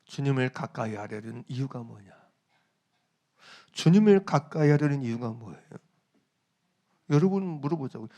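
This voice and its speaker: A man's voice: mid-range voice, expressive, moderate pace, long pauses, dark tone. A male pastor preaching a sermon, emphatic, repeating his phrases and putting questions to the congregation.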